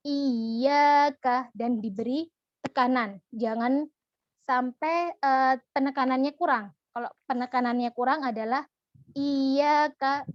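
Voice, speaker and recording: A woman teaching Quran recitation in an online lesson, patient and gentle, demonstrating each syllable slowly. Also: on the high side, dry recording, lo-fi sound.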